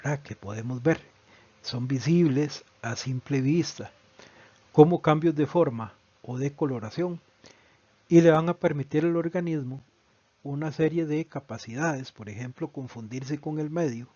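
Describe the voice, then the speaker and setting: A man walks through a biology lesson patiently, often ending points with a checking question. His voice sits slightly high. The recording is dry and a bit dull and lo-fi. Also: unhurried, dark tone, no room sound. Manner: patient, explanatory, often asks a tag question. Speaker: biology teacher.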